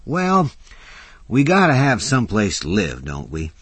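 A man's voice: on the low side, wildly swooping pitch, measured pace, fairly bright tone, breathy edge, no echo, voice pushed up, heavily acted. A male reader voicing a scrappy, persuasive drifter who talks in a folksy, ungrammatical drawl. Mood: scheming. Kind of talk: audiobook character voice.

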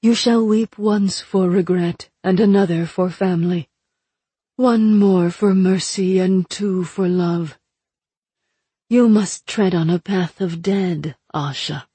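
Cryptic ancient oracle, a veiled woman, performed by a woman, deliberate and grave in her drawn-out pronouncements, with a husky low voice and a dry close sound. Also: dark tone, no echo. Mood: solemn. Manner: slow, grave prophetic delivery.

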